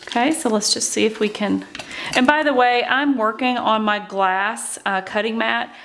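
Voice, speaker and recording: A woman's voice: fairly high pitch, steady tone, moderate pace, a bit bright, slight background noise. A woman hosting a craft tutorial, talking casually and chattily as she walks through each step, with frequent ums and "okay, so". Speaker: craft channel host.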